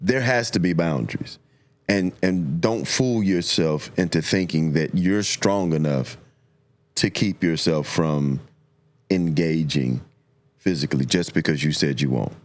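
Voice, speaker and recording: A middle-aged man talking reflectively and conversationally about life, giving advice in a deliberate, emphatic way with repeated phrases for weight. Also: extremely low pitch. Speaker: talk show speaker giving relationship advice.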